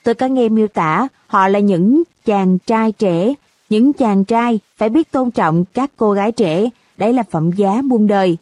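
A woman's voice: mid-range voice, measured pace, no echo, lightly acted. A woman reading the part of a girl's father who gives dry, witty answers to reporters in a storybook reading. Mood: wry. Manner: wry, deadpan answers.

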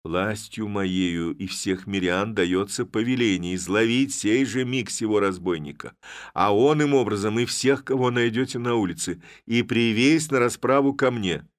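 A pompous old village headman in a storybook reading, blustering and shouting threats at his men, as a male narrator puts him on. His voice climbs high and loud in bursts. The sound is dry and close. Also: normal speed, dry recording, close to an everyday voice. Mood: pompous decree.

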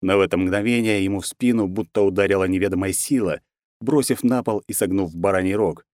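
A man narrating a novel as an audiobook, reading in a steady, even storytelling manner. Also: deep voice, fast talker, no room sound. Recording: dry, close sound.

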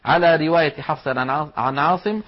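A male recitation teacher with a fairly high voice leads a careful lesson, breaking each rule down step by step. He pronounces the example words aloud as he goes. The recording sounds dull and lo-fi. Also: fast. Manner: methodical explanation, demonstrating each word aloud.

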